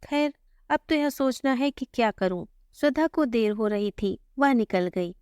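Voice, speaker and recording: A woman with a fairly high voice tells a family story in the first person, gently and conversationally. She keeps her own tone when she voices the dialogue. The close microphone gives a dry sound with no room echo. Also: expressive, a little slow, smooth.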